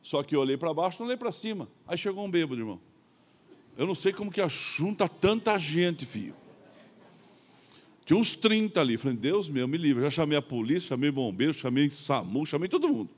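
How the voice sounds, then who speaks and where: A middle-aged man preaching a sermon in church, telling a story with lots of acted-out dialogue, swinging between loud and soft. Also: on the high side, sing-song, fairly quick. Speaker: pastor.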